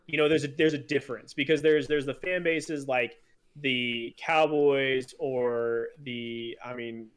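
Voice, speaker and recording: A man's voice: mid-range voice, steady tone, a little slow, clean tone. A man co-hosting a casual sports podcast, rambling with many fillers and restarts, enthusiastic as a fan. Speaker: podcast co-host.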